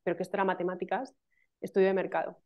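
A woman's voice: lowish voice, very fast. A woman in her thirties from Spain with a Castilian Spanish accent, a guest chatting casually and animatedly in a video call interview. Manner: chatty, animated, lots of fillers and laughs. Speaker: guest, email marketing specialist. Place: small room at home. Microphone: laptop microphone on video call. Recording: dull lo-fi video call audio.

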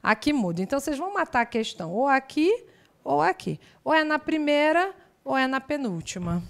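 A woman leads a live online English class. Her voice sits a little high, and she explains things in a chatty way with lively asides. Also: fairly quick, gravelly. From Brazil. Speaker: English teacher.

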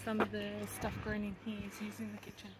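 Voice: medium pitch, completely flat delivery, quick pace. A travel vlog companion making short, dry asides while walking through outdoor gardens. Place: outdoors in large public gardens. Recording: outdoor camera audio with clear background noise.

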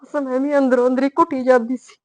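A woman's voice: a little high, normal speed, natural voice, poor audio. A woman playing a worried rural mother who scolds and pleads with her daughter. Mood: scolding. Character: worried rural mother, firm yet loving. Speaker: mother of the heroine. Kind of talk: village short-film drama.

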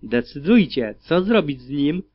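A man voicing a cruel, haughty female griffin arena champion who speaks loud and commanding, on a dull lo-fi recording. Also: on the high side, very animated, a little slow. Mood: gloating.

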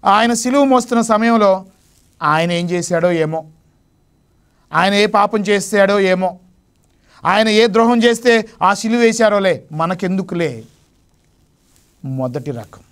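High-voiced man preaching emphatically. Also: slow pace, pauses often, a bit bright, smooth. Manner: emphatic preaching, rising sharply on key phrases. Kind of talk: Lenten sermon. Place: television studio.

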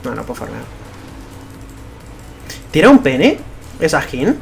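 Swearing man gaming, lively pitch. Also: a little slow, creaky, soft background music. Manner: swears a lot, laughs, excitable outbursts. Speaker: gamer. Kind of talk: casual gameplay commentary.

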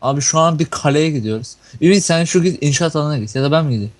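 A young man chatting casually as he plays a game with friends, unable to pronounce R and softening it toward a Y. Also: fairly high pitch, fast talker. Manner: cannot pronounce R, softens it into a Y-like sound. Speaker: player in a group gaming video. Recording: faint background noise with clicks.

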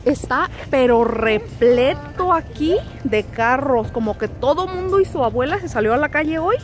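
A woman's voice: sits high, expressive, normal speed. A young woman chatting casually in a vlog, mixing in English words now and then, filmed on a handheld phone. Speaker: vlogger. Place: Tucson, Arizona.

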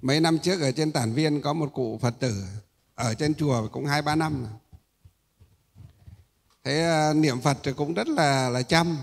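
A male Buddhist monk giving a sermon. He pauses often on drawn-out "uh" sounds and asks rhetorical questions that he then answers himself. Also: a little high, vocal fry. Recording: echoey hall.

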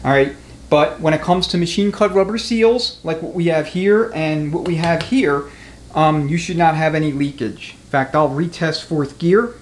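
Recorded in an indoor garage workshop full of echo and clear background noise, a man explains transmission repair hands-on in a straightforward, conversational way. His voice is a little high and his pace moderate; he works as a mechanic and instructor.

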